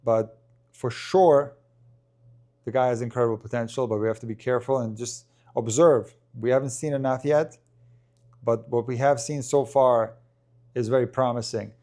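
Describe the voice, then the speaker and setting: A man's voice: mid-range voice, fairly even intonation, moderate pace, dark tone. A man with a mid-range voice talks casually to his live-stream viewers. He rambles, restarts sentences and fills gaps with ums as he answers questions. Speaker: tennis coach and live-stream commentator.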